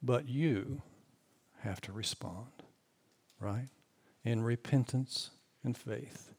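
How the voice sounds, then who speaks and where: A man's voice: medium pitch, slow pace, darkish tone, slightly rough. A middle-aged man preaching a sermon, telling a story earnestly with hesitant fillers.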